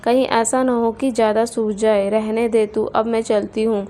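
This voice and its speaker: A woman voicing a complaining middle-aged female neighbor in a storybook tale, talking in a drawn-out way. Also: fairly high pitch, level tone, dark tone, lightly acted. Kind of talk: storybook character voice.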